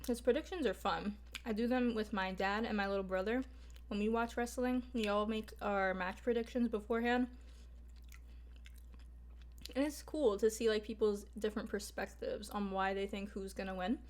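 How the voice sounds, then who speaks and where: A young woman chats to her audience while eating in a relaxed mukbang video, full of filler words and mild swearing. She speaks at a normal speed, with a medium pitch and steady tone.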